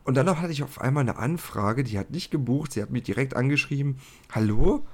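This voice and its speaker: A man's voice: mid-range voice, fast talker, darkish tone, a little hiss or hum. A man casually telling a personal story on a podcast, chatty and colloquial. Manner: chatty, colloquial, often says "halt" and "so".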